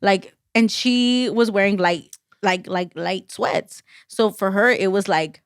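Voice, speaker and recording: A woman's voice: mid-range voice, slow pace, smooth, no echo. Rambling woman podcast co-host, dry sound. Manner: rambling, many "like" fillers, restarts. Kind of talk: casual chat.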